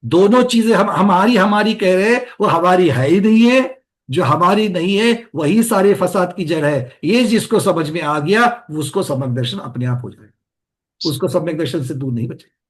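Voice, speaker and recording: A man's voice: high-pitched, lively intonation, moderate pace. A man leading an interactive religious study lesson, questioning his students and explaining with rhetorical questions. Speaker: teacher of a scripture study class.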